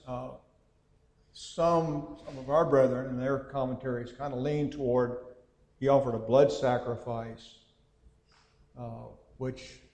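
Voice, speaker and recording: A man teaching a Bible class in a conversational way, thinking aloud with frequent pauses and reading scripture passages aloud. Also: medium pitch, dark tone. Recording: echoey hall with long reverb.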